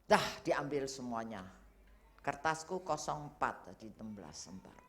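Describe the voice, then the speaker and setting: A middle-aged woman evangelist preaching a sermon, telling a personal story with lively swings from loud exclamations to hushed asides, slipping in English phrases. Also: extremely low pitch, moderate pace.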